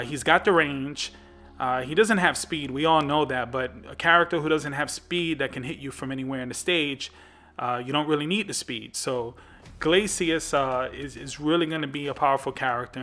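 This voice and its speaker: Man, gaming host, casual commentary, lots of uh and restarts, bright forceful tone. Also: a little high. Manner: rambling, frequent fillers and restarts. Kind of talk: casual commentary on a fighting game.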